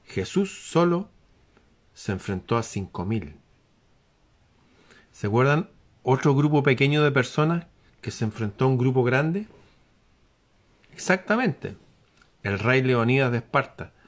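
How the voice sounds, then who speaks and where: Animated man giving a talk. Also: mid-range voice, a little slow, long pauses. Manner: animated, rhetorical questions to the listeners, sudden drops to a hush. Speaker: motivational speaker. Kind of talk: lively spiritual talk to an audience.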